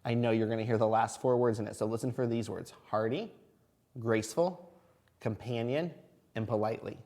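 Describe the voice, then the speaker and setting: Reading a picture book expressively to young children, this male kindergarten teacher stops along the way to pose simple questions to his listeners. He speaks briskly in a mellow, medium-pitched voice.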